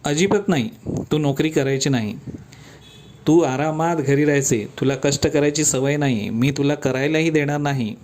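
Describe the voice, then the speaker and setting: A devoted young rickshaw driver, gentle and earnest, as the male narrator voices him. He reassures his sweetheart in a fond tone. His voice sits a little high for a man. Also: moderate pace, slight background noise, lightly acted.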